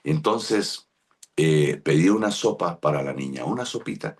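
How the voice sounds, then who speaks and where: A middle-aged Colombian man with a Colombian accent, preaching from a pulpit. His voice sits very low and has a husky edge. He tells his story in lively detail, acts out the people he quotes, and speaks to listeners by name. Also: unhurried. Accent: Colombian Spanish. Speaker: pastor. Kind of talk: sermon with personal story.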